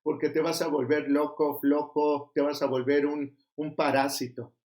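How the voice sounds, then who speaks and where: Scolding Mexican pastor, fairly high. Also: male voice, little pitch movement, moderate pace, darkish tone. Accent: Mexican Spanish. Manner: scolding, emphatic, rhetorical questions. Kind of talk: sermon.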